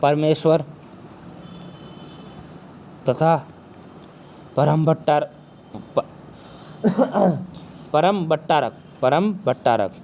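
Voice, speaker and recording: A male teacher giving an exam-prep history lecture, with a sore throat and speaking softly, who keeps asking questions and answering them himself. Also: fairly high pitch, drawn-out words, pauses often, a little hiss or hum.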